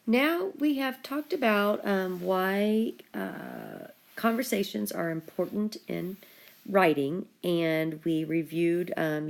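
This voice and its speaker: A woman's voice: fairly low pitch, creaky. A woman schoolteacher explaining a writing lesson to her class step by step. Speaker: school teacher.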